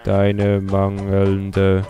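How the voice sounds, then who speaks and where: A young man with a fairly low voice gives comedic commentary at an unhurried pace. He sounds mocking and sarcastic, teasing as he goes. He often breaks into laughter. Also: completely flat delivery, warm tone, soft background music. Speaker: YouTuber host.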